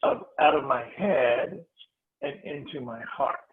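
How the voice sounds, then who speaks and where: A man, a spiritual healer, telling a heartfelt story to a meditation group, animated and restarting his phrases. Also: mid-range voice, slow, vocal fry. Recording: tinny phone-like audio.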